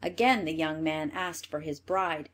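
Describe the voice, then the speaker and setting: A woman reading a fairy tale aloud in an expressive storybook manner. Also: low-pitched, a little slow.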